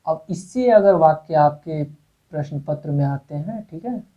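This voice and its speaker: A man's voice: a little high, animated, unhurried. A male Hindi grammar teacher giving an exam-prep lecture. He repeats words, asks himself rhetorical questions and keeps checking in with "okay". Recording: tinny phone-like lo-fi audio.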